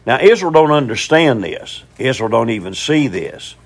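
A man's voice: medium pitch, very animated, normal speed, creaky. A man preaching a teaching sermon on scripture, folksy and conversational, often asking his listeners questions.

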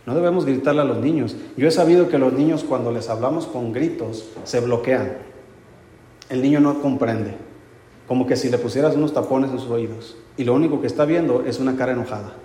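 A man's voice: mid-range voice, a little fast, mellow, reverberant, big-room sound. A man, preaching a conversational sermon to his congregation, mixing teaching with funny stories. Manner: conversational preaching with humorous anecdotes. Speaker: pastor.

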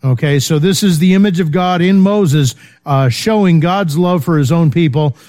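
At a normal speed, a man with a slightly high, darkish voice teaches Bible study in a relaxed, chatty way. Fillers crop up constantly, and he often asks "okay?" to make sure people are following.

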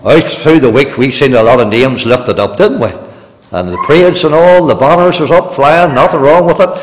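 A man's voice: mid-range voice, moderate pace, a little hiss or hum. Man preaching in a reverberant church. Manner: earnest, rising to emphatic preaching. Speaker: pastor. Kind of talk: sermon. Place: church sanctuary.

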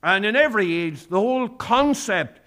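A male pastor preaches in slow, earnest phrases that rise with each point, reading King James scripture aloud. His voice sits high, animated and sharp in tone.

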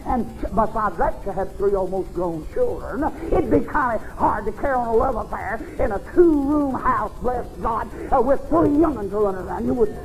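An older man, preaching a folksy storytelling sermon that swings from loud to soft. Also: very high voice, low-quality recording. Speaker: pastor.

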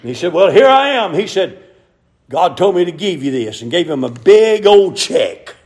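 A middle-aged preacher delivers a sermon in a high, lively voice that swings widely in pitch. He tells folksy stories and climbs into shouted emphasis on key points. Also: unhurried.

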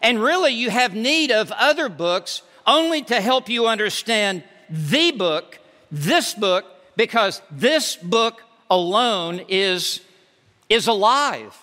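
A man's voice: sits high, lively intonation, takes it slowly, bright, forceful tone. A male pastor preaching a sermon from the pulpit, emphatic and repeating words for force. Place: church sanctuary. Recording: reverberant hall.

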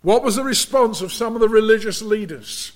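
A man preaching a sermon in an earnest, emphatic way, often dropping suddenly to a hush. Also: high voice, expressive, brisk.

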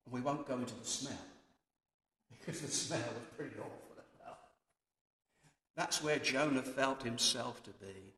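A man's voice: mid-range voice, normal speed, pauses often, pushed and bright. A man preaching a sermon, earnest and emphatic, his voice rising and falling with many restarts. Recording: echoey hall.

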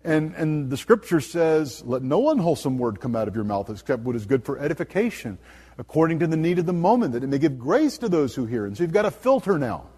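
A man's voice: a little high, sing-song, brisk, mellow, husky, long reverb tail. A man preaching a sermon in an earnest, emphatic way, often quoting scripture.

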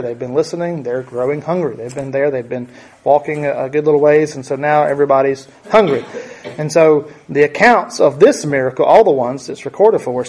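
A man teaching through a Bible passage in a conversational, halting way, with many restarts and asides. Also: fairly high pitch, darkish tone. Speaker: preacher.

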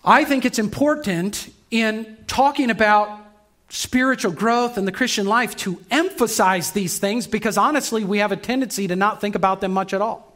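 A man preaching a sermon as pastor in a church, earnest, moving between brisk passages and slow, emphatic lines. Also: sits high, fairly bright tone.

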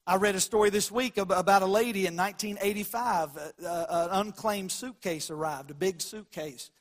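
A male pastor from the American South speaks in a high-set voice with a Southern drawl. He preaches in a folksy storytelling way, using down-home grammar and acting out small exchanges as he goes. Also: moderate pace.

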